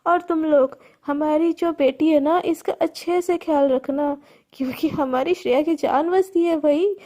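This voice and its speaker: A woman's voice: sits high, unhurried, mellow. A woman voicing a scheming middle-aged father who taunts and mocks his captives. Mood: gloating. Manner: taunting, mocking.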